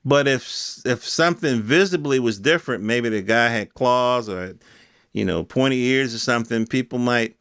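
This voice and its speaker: An American man hosts a podcast, riffing casually in a colloquial opinion monologue packed with rhetorical questions and impressions of imagined speakers. His medium-pitched voice is clear, resonant and slightly bright, at a moderate pace. The studio-quality recording has no room sound.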